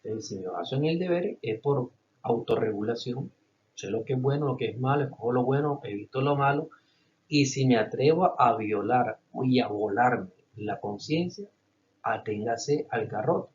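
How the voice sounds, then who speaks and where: Animated male teacher, lo-fi lecture recording. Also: mid-range voice, normal speed, a little hiss or hum. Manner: animated, acts out little scenes with a policeman's threats.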